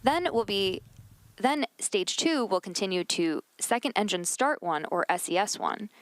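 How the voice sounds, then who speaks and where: A woman's voice: mid-range voice, lively intonation, unhurried. A woman hosting a live launch webcast, explaining each step in commentary. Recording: faint background noise.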